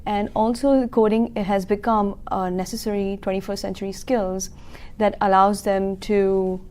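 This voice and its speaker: A woman's voice: mid-range voice, little pitch movement, unhurried, darkish tone. Earnest woman in her thirties, many fillers. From Kuwait. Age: 30s. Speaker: founder of a coding school. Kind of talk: local TV business interview.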